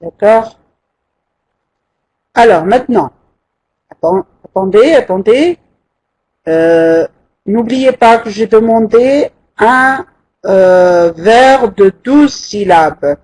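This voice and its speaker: A teacher giving a live online language lesson, patient and hesitant, with frequent pauses. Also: medium pitch, lively intonation, darkish tone. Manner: counts syllables aloud, slowly and deliberately. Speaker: French teacher.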